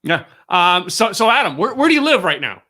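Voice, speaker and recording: Bright-voiced man hosting a video call. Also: sits high, very animated, a little fast. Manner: chatty, stammers and restarts. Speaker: show host. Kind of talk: casual video-call interview.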